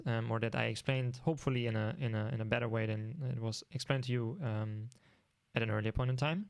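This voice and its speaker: A man from Germany with a German accent, an online programming instructor talking informally and haltingly with many ums. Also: medium pitch, creaky, clean tone, dry recording. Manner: hesitant, many ums and restarts.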